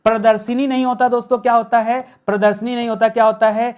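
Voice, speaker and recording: A man's voice: very high voice, level tone, fast talker, darkish tone, clean tone. Hindi grammar teacher, man, self-questioning. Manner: asks questions and answers them himself; addresses viewers as friends, repeats key words. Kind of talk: online grammar class.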